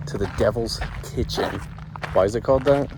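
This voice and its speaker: A man's voice: lowish voice, a little fast, loud music behind the voice. Wry man vlogging on a hiking trail. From South Carolina. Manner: wry, self-mocking jokes. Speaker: travel vlogger. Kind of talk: casual hiking vlog chat. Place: outdoors on a rocky hiking trail.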